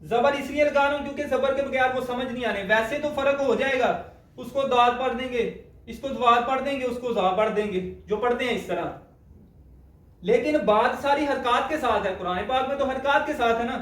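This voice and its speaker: A man teaching the correct pronunciation of Quran letters, speaking slowly and deliberately and repeating each sound to demonstrate it. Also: extremely high pitch, fairly bright tone. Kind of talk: spoken lesson on letter pronunciation. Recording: echoey room, voice far from mic.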